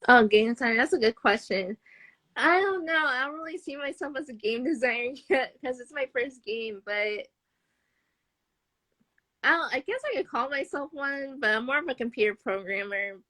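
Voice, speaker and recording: A woman's voice: high-pitched, lively intonation, moderate pace, fairly bright tone, dry recording. A young adult woman chatting casually on a live stream as a guest, upbeat and rambling and laughing often. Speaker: podcast guest, game developer.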